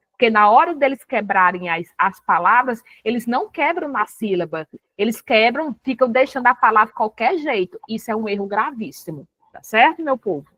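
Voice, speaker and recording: A Brazilian woman teaches a recorded spelling lesson, walking through each rule step by step and checking often that students follow. Her voice sits a little high. The recording is dry and close. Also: a bit bright, no echo. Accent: Brazilian Portuguese.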